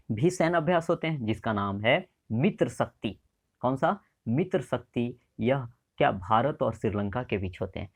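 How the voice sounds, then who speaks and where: A young male teacher runs a current affairs exam lesson. He quizzes his students, answers his own questions, and repeats each answer to drill it in. His pitch sits right in the middle for a man. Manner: drills facts with repeated questions and memory tricks.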